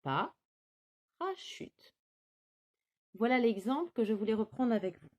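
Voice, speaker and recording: A woman teacher giving young children a phonics lesson, spelling out words slowly syllable by syllable. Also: fairly high pitch, warm tone. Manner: slow, clearly articulated, syllable by syllable. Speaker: kindergarten teacher.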